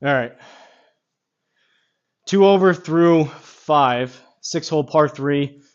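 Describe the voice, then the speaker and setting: A man giving casual golf simulator commentary, rambling as he thinks out loud. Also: fairly high pitch, slow, clean tone, highs cut off.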